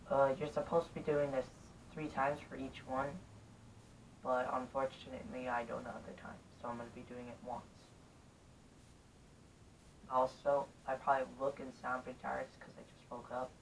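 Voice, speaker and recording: A young man chatting casually and haltingly to viewers as a vlogger, recorded indoors on a camera a few feet away. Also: flat delivery, creaky, a bit bright. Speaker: vlogger hosting a challenge video. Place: bedroom, indoors. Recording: distant camera mic, rumbly background noise.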